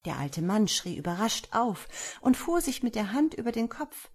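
A woman narrating a fairy tale aloud in a lively, expressive storybook manner. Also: a little high, normal speed, breathy edge. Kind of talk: storybook reading.

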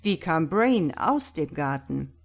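A woman voicing an impatient, sharp-minded male doctor who questions forcefully in a read-aloud story. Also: deep voice, very animated, creaky, heavily acted. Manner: forceful, sharp, quick to anger.

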